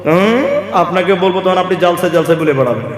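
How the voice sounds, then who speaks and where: Here the Assamese Islamic preacher, a man from Assam, India, sounds high-voiced, expressive and quick. His sermon is humorous, and he needles the crowd with rhetorical questions while a long reverb fills the echoey hall.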